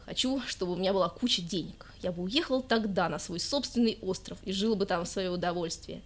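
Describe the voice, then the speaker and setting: A woman voicing a drunk, self-pitying young male poet who rants in a loud, drawn-out, whiny way. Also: lowish voice. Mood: pompous sulking.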